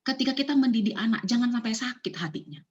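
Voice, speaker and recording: A woman church speaker delivers a sermon on parenting in a conversational preaching style, her voice a little high, animated and fast, with lo-fi sound. She mixes in English phrases and uses many fillers and rhetorical questions.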